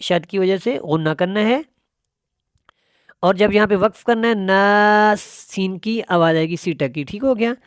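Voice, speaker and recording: A woman teaching how to pronounce Quran verses in a tajweed lesson. She explains at a brisk pace and repeats correct and wrong pronunciations. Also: medium pitch, no room sound, studio quality.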